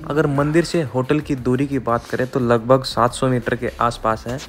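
A man's voice: medium pitch, steady tone, normal speed. A man narrating a travel vlog voice-over, giving practical tips to viewers he calls friends. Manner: informative, addresses viewers as friends. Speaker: travel vlogger. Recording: heavy music and crowd noise under the voice.

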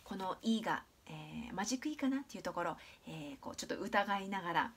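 A Japanese woman teaches English pronunciation in a video, her medium-pitched voice expressive and a little bright. Patient and clear, she slowly shows how sounds are made, with many stretched-out fillers.

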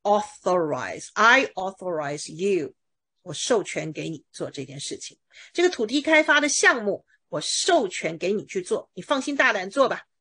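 A woman's voice: mid-range voice, very animated, moderate pace, a bit bright, breathy edge. Woman english teacher, voice goes way up and down, patient, lots of examples, drills words over and over. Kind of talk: pronunciation lesson.

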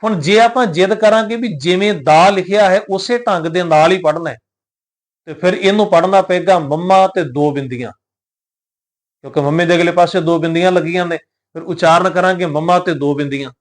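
A man with a notably high voice gives a devotional teaching talk, close to the mic. He explains step by step in a measured, patient way. He keeps turning to the listeners with rhetorical questions. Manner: addresses the congregation, poses rhetorical questions. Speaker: Gurbani pronunciation teacher.

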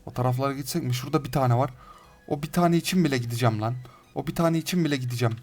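Young man, gaming commentary, excitable, shouty, repetitive, mid-pitched voice. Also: racing, faint music behind. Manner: excitable, shouts insults and threats at game mobs; repeats phrases over and over while playing. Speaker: gaming YouTuber. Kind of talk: Minecraft let's play commentary.

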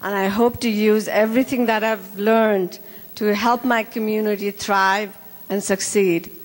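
A woman's voice: medium pitch, fairly even intonation, unhurried. A woman from Nepal giving a formal, gracious debate closing statement on a handheld mic. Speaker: state house candidate. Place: large indoor community hall. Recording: long hall reverb.

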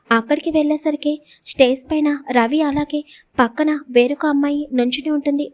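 A woman storyteller reading a scripted audio story with steady, dramatic narration, close to the mic. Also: high voice, no echo.

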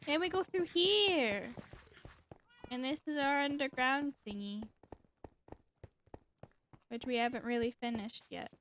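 A woman with a slightly high voice walks through a tour in a relaxed, rambling way. Her S sounds keep coming out like a lisp, and a faint hiss sits under the recording. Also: unhurried, long pauses. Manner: relaxed, chatty, with frequent ums. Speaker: channel host giving a game tour. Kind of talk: casual gaming chat.

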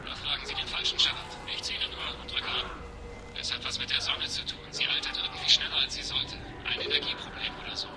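An actor playing a quarian marine commander cut off by the enemy, reporting in terse, half-whispered military talk over a crackling sci-fi radio link. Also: male voice, mid-range voice, animated, fast talker. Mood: tense. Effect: crackly sci-fi radio transmission. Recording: very noisy, hissing radio comm.

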